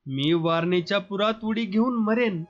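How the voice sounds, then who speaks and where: A man voicing a proud, defiant young village woman, lifting his voice higher for her. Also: moderate pace, close to an everyday voice. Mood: angry, defiant. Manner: pleading then sharp, raised pitch. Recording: slightly muffled, soft background music.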